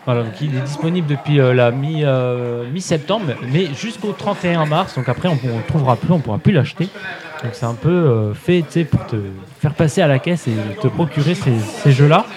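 A man's voice: fairly high pitch, fairly quick, a crowd in the background. Chatty French man on radio. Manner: chatty, laughs often, many fillers. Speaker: radio gaming columnist. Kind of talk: casual radio chat.

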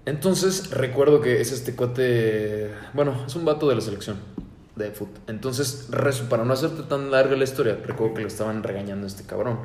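A man's voice: medium pitch, normal speed, a little mellow. A young Mexican man co-hosting a podcast, telling stories in a slangy, swearing, casual way. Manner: slangy storytelling, swears a lot. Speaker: podcast co-host. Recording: echoey room, faint background noise.

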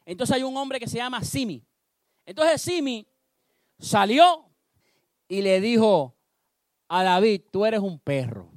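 A man preaching a sermon, telling a story with animated delivery and acting out the characters. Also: very high-pitched, slow, long pauses, no echo, studio quality.

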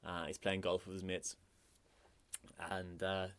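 A man, a musician, chatting casually in an interview, relaxed and hesitant with many fillers. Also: sits low, measured pace, smooth. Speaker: musician guest.

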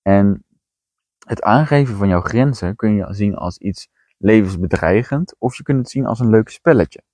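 A man with a very deep, low voice coaching listeners in a direct, no-nonsense way. His delivery is blunt and plainspoken. The sound is dry and close, with no room echo. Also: animated, moderate pace, darkish tone. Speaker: podcast host and coach. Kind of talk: coaching monologue.

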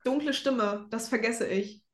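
A woman's voice: on the high side, a little slow. A young adult woman co-hosting a podcast in casual fan chat, sprinkling English words into her German. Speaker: podcast co-host. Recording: roomy, echoey sound.

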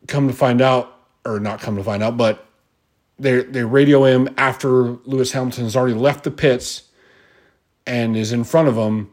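A man's voice: medium pitch, darkish tone. A man hosting a casual solo motorsport podcast, talking in a rambling way with frequent ums, restarts and swearing. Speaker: podcast host.

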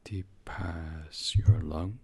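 With a deep, steady voice, a man talks listeners through a guided sleep meditation. His tone is hushed and breathy, never rushed, soothing and instructive, and it often fades toward a whisper.

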